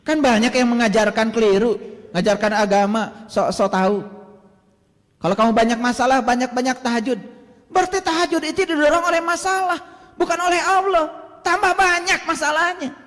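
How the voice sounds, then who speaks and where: A man with an Indonesian accent delivers a sermon in a strikingly high voice, swinging from loud bursts to near whispers. He slows to chant Arabic verses, and his words ring out with a long hall reverb. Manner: dramatic, swings from loud to hushed. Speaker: religious teacher.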